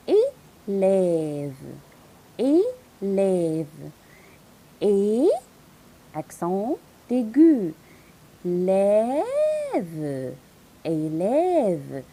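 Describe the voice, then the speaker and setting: A woman with an Egyptian Arabic accent teaching a French lesson. She says words slowly and repeats them, then explains quickly. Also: a little high, sing-song, warm tone, husky. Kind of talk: language lesson.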